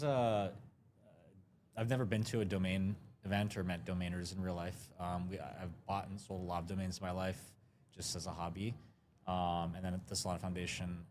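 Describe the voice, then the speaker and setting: Deep-voiced man, relaxed conference guest. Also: a little hiss or hum. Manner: relaxed, many ums and uhs. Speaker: guest, crypto marketing lead. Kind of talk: casual interview answers. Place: conference floor.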